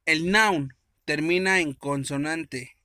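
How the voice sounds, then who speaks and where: A man teaches an English grammar lesson with a bright, forceful voice. His voice sits a little high for a man, and the sound is dry and close. He explains step by step and often answers the questions he asks his listeners. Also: slow, dry recording.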